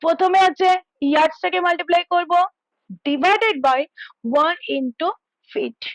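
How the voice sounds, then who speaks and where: A woman's voice: very high voice, takes it slowly, no echo, low-quality recording. A woman tutoring math over a call on headphones at home, explaining step by step and checking whether her student understands.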